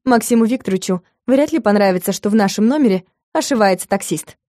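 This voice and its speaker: A woman's voice: mid-range voice, lively intonation, quick pace, warm tone, dry recording, studio quality, close to an everyday voice. A woman voicing an irritated young female office employee who speaks curtly and coldly, in an audiobook. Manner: curt, cold, clipped.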